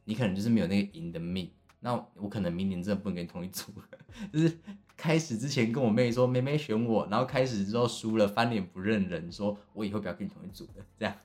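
A man's voice: on the low side, fast, a little mellow. A young man with a Taiwanese Mandarin accent, casually telling a long family story on his podcast, rambling with many fillers and restarts. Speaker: podcast host.

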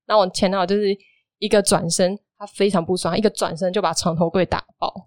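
A woman tells a story at a brisk clip, animated as she replays what everyone said. Her voice sits in a middle pitch and the recording is close and dry, with no room sound. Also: no room sound. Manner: lively storytelling, animated retelling of dialogue. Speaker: guest telling a personal story. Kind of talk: casual podcast chat.

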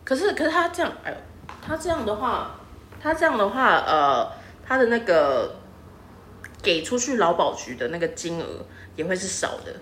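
A woman's voice: medium pitch, very animated, normal speed, a bit bright, a little hiss or hum. Woman host, roomy sound. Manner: prompts the story with short questions and backchannels. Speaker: podcast host. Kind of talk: casual chat. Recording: roomy echo.

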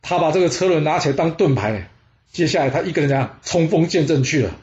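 A man's voice: on the high side, animated, fast, a little mellow, dull audio. A man telling a historical war story dramatically, with exclamations and rhetorical questions.

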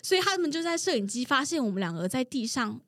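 Loud, excitable woman podcast host. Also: high-pitched, fast talker, dry recording, clean studio sound. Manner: loud, excitable, laughs often. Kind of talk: casual storytelling chat.

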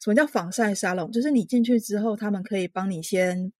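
A woman with a Taiwanese Mandarin accent co-hosts a chatty podcast in a mid-pitched voice. She explains things in a relaxed, conversational way, and the recording is dry and close. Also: fast talker, no room sound. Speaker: podcast co-host. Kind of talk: casual chat.

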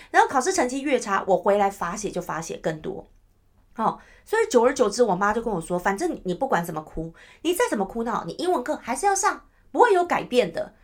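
A woman hosting her own podcast, talking casually and chattily to listeners and often asking "you know?". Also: mid-range voice. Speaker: podcast host. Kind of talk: casual solo podcast talk.

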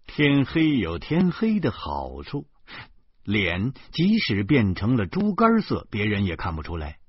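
A man with a Beijing accent reading a novel aloud in expressive, wry first-person narration. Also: fairly low pitch, a little slow, slightly rough, no room sound. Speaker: audiobook narrator. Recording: dull lo-fi recording.

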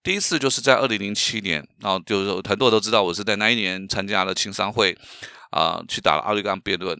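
A man's voice: low voice, bright, forceful tone, clean tone, no echo, clean studio sound. A middle-aged man from Taiwan, a professional speaker hosting his own podcast, telling stories and asking rhetorical questions with frequent fillers. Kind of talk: solo podcast talk.

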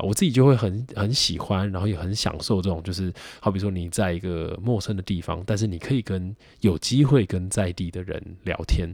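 A man's voice: deep voice, darkish tone, no room sound. A young man with a Taiwanese Mandarin accent hosting a solo podcast, reflective and rambling with many fillers. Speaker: podcast host. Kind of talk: casual solo podcast talk.

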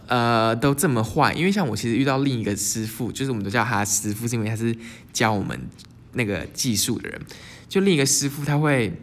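A young man from Taiwan, hosting his channel in a casual storytelling monologue, lively and sprinkling English words into his speech. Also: mid-range voice. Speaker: channel host.

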